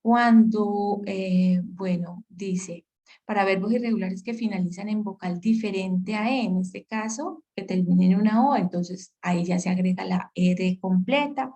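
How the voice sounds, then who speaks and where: A woman's voice: medium pitch, measured pace, dark tone, low-quality recording. A woman teaching an English grammar class over a video call, explaining patiently and often checking that students follow. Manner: patient, checks understanding with questions. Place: virtual session.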